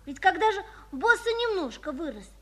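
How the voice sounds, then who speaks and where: A little boy of seven in an old 1950s radio drama. The voice is extremely high and bright, childlike and earnest, swinging expressively as he pleads. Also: big pitch swings, moderate pace, heavily acted. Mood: pleading, hopeful. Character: earnest, wistful seven-year-old boy longing for a dog. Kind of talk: 1950s Soviet radio play acting.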